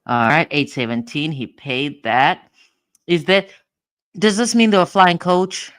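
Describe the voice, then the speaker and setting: A woman's voice: deep voice, unhurried, fairly bright tone, no echo, studio quality. A woman hosting a livestream, giving casual commentary on court documents as she thinks aloud and repeats her phrases. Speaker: livestream host.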